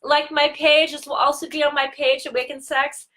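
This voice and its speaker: Bright, high-voiced woman tantra teacher. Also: flat delivery. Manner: earnest, flowing, slows down on key words. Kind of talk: live-streamed talk.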